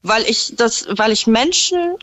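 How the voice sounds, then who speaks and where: A woman arguing her position in a heated debate, halting and restarting often but holding her ground. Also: on the high side, animated, a bit bright, dull audio. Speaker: guest.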